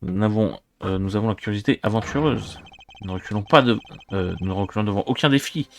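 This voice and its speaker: A man's voice: on the low side, fast talker, creaky. Guy putting on a nervous nerdy student witness, pleading, goes on about science. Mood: earnest. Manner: protests in a pleading voice.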